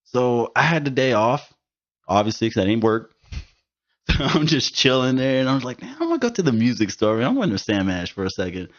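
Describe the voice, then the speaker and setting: A man's voice: medium pitch, very animated, fairly quick. A man in his thirties hosting a podcast, telling stories in casual, profane, emphatic chat. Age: 30s. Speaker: podcast host. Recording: dull lo-fi studio recording.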